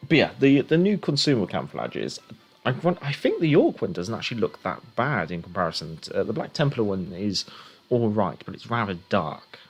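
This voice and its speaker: Chatty man with an animated, low-pitched voice. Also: brisk, slightly rough. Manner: chatty, thinking aloud. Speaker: game streamer. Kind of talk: casual live game commentary.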